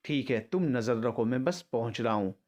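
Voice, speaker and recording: A man's voice: mid-range voice, expressive, normal speed, darkish tone, close to an everyday voice. A man doing an urgent young boss. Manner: urgent, clipped orders. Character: young businessman, anxious and commanding.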